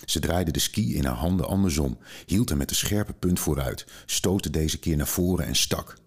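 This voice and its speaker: A male podcast host reading a children's book aloud and summarizing its story in a calm, measured way. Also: very deep voice, husky.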